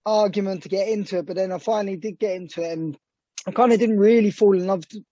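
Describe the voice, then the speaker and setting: A man's voice: a little high, warm tone, no echo, dull audio. A young man from England, a boxer, answering interview questions casually with rambling sentences and many fillers.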